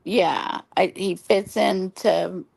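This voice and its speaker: A woman's voice: medium pitch, steady tone, takes it slowly, creaky, darkish tone, slightly rough, no room sound. A woman from Oklahoma hosting a casual late-night livestream chat, telling long earnest stories with many ums while losing her voice from smoky air. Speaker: livestream host.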